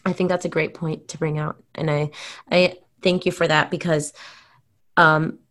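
A woman's voice: deep voice, flat delivery, moderate pace. A woman hosting an interview, reflective and affirming as she builds on her guest's points. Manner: reflective, affirming, softly hedged. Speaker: podcast host. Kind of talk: casual interview chat.

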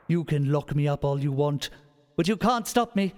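A man voicing an eight-year-old boy villain genius who shouts his defiance in a shrill voice. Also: expressive, normal speed, big-room sound, slight background noise, lightly acted. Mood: defiant.

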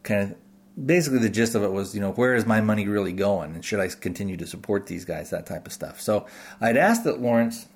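This American man, speaking in a husky voice on the low side, hosts a podcast and addresses listeners off the cuff. His delivery is rambling and tentative, as though he's working through thoughts out loud.

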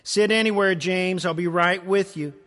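A man voicing a sassy, no-nonsense woman waitress at a small-town diner, teasing and brisk in a raised voice. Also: sits high, fairly even intonation, a bit bright, voice pushed up. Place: church, live audience. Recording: reverberant live church hall.

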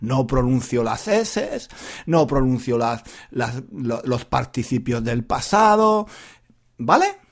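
A man from Granada teaching Spanish to learners, talking slowly and clearly, pronouncing every syllable and repeating himself often. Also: mid-range voice, big pitch swings. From Granada, Spain. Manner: deliberate, carefully enunciated, repetitive. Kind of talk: slow teaching monologue for learners.

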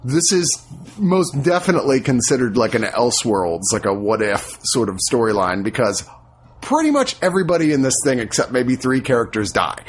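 An American man hosts a podcast in a casual, rambling way. His voice has a medium pitch, and clear noise sits behind it. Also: lively intonation, normal speed. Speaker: podcast host.

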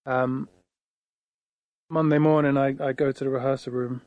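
A man's voice: medium pitch, flat delivery, moderate pace, a little mellow, no echo, highs cut off. A man, a guitarist, telling a rambling story in casual conversation, full of fillers and acted-out quotes. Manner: rambling, heavy with fillers, acts out quoted lines. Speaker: guitarist guest.

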